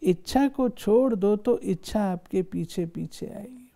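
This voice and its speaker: A woman reads a spiritual discourse in a very warm, mellow voice. Her delivery is measured and instructive, and she keeps posing questions to her listeners. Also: medium pitch. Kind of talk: reading a spiritual discourse aloud.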